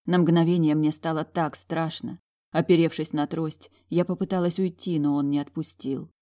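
A woman reading a first-person novel aloud as audiobook narrator, in a measured way. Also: deep voice, steady tone, dark tone.

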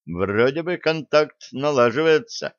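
A man voicing a gruff, irritable male starship captain who speaks in a commanding way. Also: medium pitch, lively intonation, unhurried, no echo, voice pushed up, lightly acted. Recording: dry, slightly dull audio.

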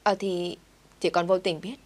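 A woman's voice: on the low side, steady tone, normal speed, close to an everyday voice. A woman voicing a spiteful, resentful young daughter in an audio story. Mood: sneering. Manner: sneering, resentful.

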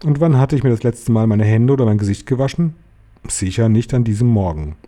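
A man calmly reading a children's novel aloud as first-person narrator. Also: mid-range voice, brisk. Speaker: reader.

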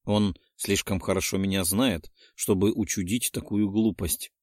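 A baffled young mage mutters slowly and quietly, his voice sinking low as he turns things over, voiced by a male audiobook narrator. The sound is dry and close, with no trace of a room. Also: steady tone, dry recording. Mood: brooding. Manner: slow, low, puzzled murmuring. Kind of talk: audiobook character voice.

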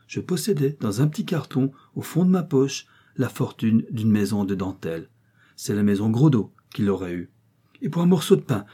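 A man's voice: medium pitch, warm tone, slightly rough, pitched above the performer's own voice. A man voicing a proud young widow, cool and cutting.

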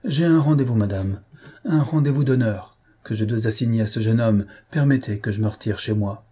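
A man's voice: mid-range voice, moderate pace, dark tone, breathy edge, natural voice. A man voicing an angry proud chevalier. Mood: curt. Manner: agitated, curt and indignant. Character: proud, hot-tempered young chevalier, a man.

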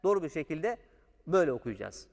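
This time the man's voice is on the high side, a little mellow, very animated and fast as he gives a step-by-step Quran recitation lesson. He still patiently draws out each sound to show the proper pronunciation, and a long hall reverb hangs over the recording.

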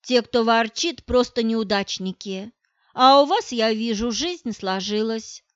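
A woman's voice: on the high side, lively intonation, a little slow, smooth, no room sound, muffled recording. A woman reading the lines of a confident, coquettish young woman in an audiobook, in a sweet, coaxing manner. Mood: flattering.

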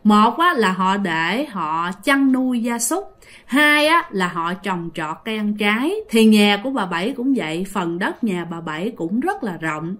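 Unhurried and lively in intonation, a woman of medium pitch with a bit of brightness chats her way through a ghost story in a Southern Vietnamese accent, often talking directly to listeners.

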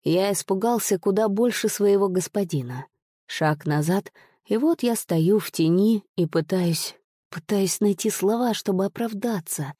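A woman voicing a timid, apologetic male servant who speaks in a hushed way, in an audiobook. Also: mid-range voice, measured pace, slightly rough, dry recording, clean studio sound. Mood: rueful.

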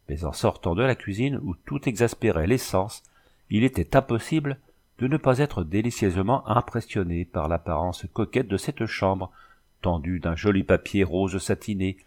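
Male audiobook narrator, lower pitch, measured and expressive. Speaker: audiobook reader. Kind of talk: scripted narration of a novel.

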